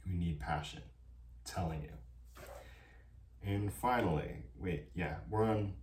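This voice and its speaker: A man's voice: low voice, takes it slowly, darkish tone, echoey room, recorded from a distance, a little hiss or hum. A young man who is a college student giving emphatic, preachy advice in a casual vlog, often asking "right?". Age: young adult. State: dry throat.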